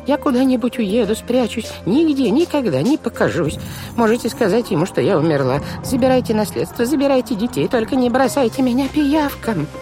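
A man voicing a shrill, panicky old woman. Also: animated, a little fast, over music. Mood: desperate pleading. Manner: shrill, desperate wailing. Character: terrified elderly woman guardian, panicky and pleading.

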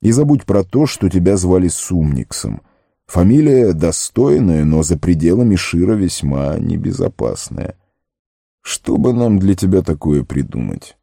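A man voicing an old wise wizard in an audiobook, speaking gravely and slowly with a stern, commanding manner. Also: low-pitched, big pitch swings, mellow, dry recording, clean studio sound, exaggerated voice. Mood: earnest warning. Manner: grave, slow and warning. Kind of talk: audiobook character reading.

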